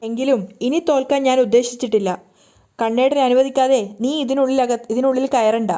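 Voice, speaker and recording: A woman's voice: sits high, fairly even intonation, fairly quick, warm tone, close to an everyday voice. A woman reading the lines of a protective young woman who scolds firmly, in her own voice. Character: firm protective young woman, sharp-tongued.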